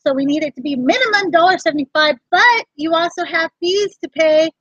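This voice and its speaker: A high-pitched woman hosts a casual livestream tutorial, chatting directly with her viewers in a friendly back-and-forth way. Her voice comes through dull and lo-fi, with a dry, close sound and no room echo. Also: brisk, a bit bright. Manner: chatty, talks straight to viewers in chat. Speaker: reseller vlog host.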